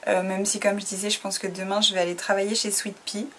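A woman's voice: medium pitch, little pitch movement, fast, fairly bright tone, slight background noise. Chatty tired young woman vlogging. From France. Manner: chatty, rambling, many fillers. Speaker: freelance graphic designer. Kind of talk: casual vlog chat to camera.

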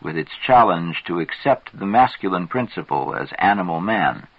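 A man reading aloud from a psychology book in measured, deliberate scripted narration. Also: sits low, lively intonation, breathy edge, dry recording. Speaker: reader. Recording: dull lo-fi dry recording.

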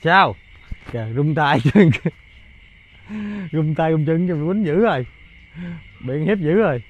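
A man doing excited commentary outdoors for a ghost-hunting vlog, stammering and repeating words in bursts. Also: fairly high pitch, slow pace, dull audio.

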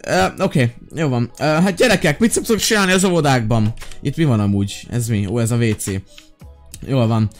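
A man playing a flustered kindergarten teacher in a game while commenting, excitable and prone to frantic, repeated pleading. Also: mid-range voice, faint music behind. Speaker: gaming YouTuber. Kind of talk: Minecraft role-play commentary.

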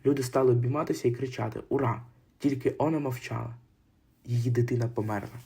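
A man reading an audiobook narration aloud, quick and now and then stumbling over words. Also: mid-range voice, fairly even intonation, creaky, warm tone, husky. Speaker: audiobook reader.

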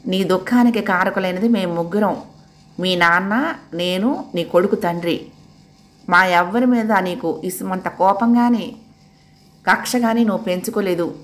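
A woman voicing a gentle grown man who speaks calmly and heartfelt to an old friend. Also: medium pitch, a little slow, close to an everyday voice. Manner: calm, heartfelt.

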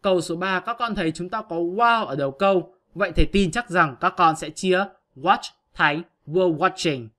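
Guy teacher walking kids through grammar, bright clear voice, patient and step by step. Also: sits high, moderate pace, hardly any pauses. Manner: patient, step-by-step explanation addressing pupils. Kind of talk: online grammar lesson.

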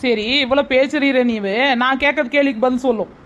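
A woman playing a defiant young daughter-in-law who talks back quickly. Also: sits high, dull audio, soft background music, natural voice.

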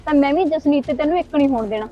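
A woman's voice: sits high, very fast, muffled recording, faint music behind. A woman acting in a short drama, emotional and accusing. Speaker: actress in a short Punjabi drama. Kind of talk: amateur short-film acting.

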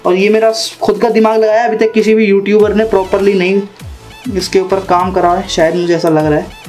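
A man's voice: high-pitched, level tone, moderate pace, darkish tone, soft background music. A young man in a casual how-to vlog, chatting and repeating himself as he works with his hands at a desk in a small room. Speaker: vlogger.

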